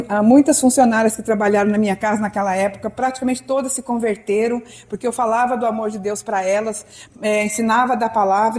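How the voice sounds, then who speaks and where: A woman's voice: mid-range voice, mellow. A woman in her sixties with a Brazilian accent, preaching a sermon as a pastor and telling her own life story in a personal, conversational way with quoted dialogue. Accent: Brazilian Portuguese. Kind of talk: sermon testimony.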